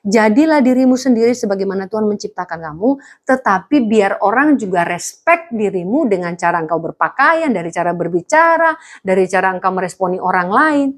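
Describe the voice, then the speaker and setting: A woman pastor preaching to students, lively, with jokes and small acted dialogues. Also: mid-range voice, fairly quick. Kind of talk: sermon to students.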